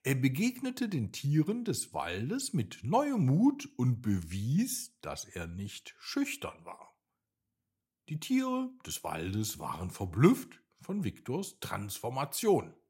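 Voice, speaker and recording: Slow, breathy male bedtime storyteller. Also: mid-range voice. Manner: slow, gently expressive reading.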